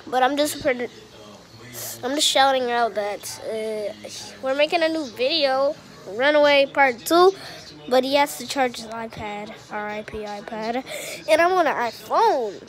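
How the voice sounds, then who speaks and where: A woman's voice: high voice, a little slow. A woman chatting casually to the camera in a rambling, giggly way and talking to her dog. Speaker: video maker.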